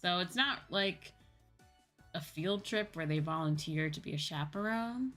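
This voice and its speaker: A young American woman who livestreams as a virtual YouTuber chats casually with live viewers, rambling and often correcting herself, with background music playing. Her voice is on the low side, animated, a bit bright, and a little slow.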